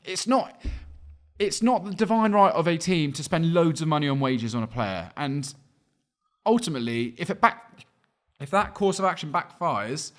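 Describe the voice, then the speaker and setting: A young man ranting animatedly as co-host in a football debate chat. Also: a little high. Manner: ranting, animated, quick asides. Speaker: podcast co-host.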